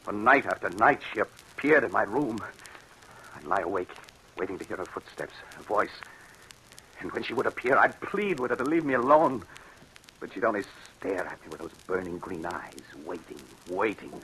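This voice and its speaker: This man's voice sits lowish and a bit bright, animated and moderately paced, and the audio is poor, hissing like an old radio broadcast. He is an actor in a 1940s radio drama, giving a melodramatic, intense turn as a haunted, fearful man whom a ghostly cat-woman torments. He stammers under the strain, and the mood is grim and haunted.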